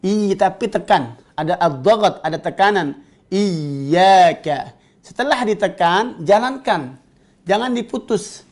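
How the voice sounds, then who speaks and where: A man with an Indonesian accent teaching Quran recitation, explaining letter sounds and reciting drawn-out examples. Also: sits high, animated. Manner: slow, deliberate, demonstrates sounds and recites drawn-out verses. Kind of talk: tajweed lesson with recited examples.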